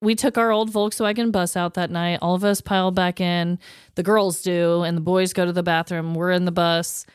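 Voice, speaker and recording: With a lowish voice and flat delivery at a moderate pace, this female podcast co-host spins comic stories casually. She leans into drama and emphasis, repeats words, and keeps asking "okay?". Her smooth tone is recorded in a clean studio with no echo.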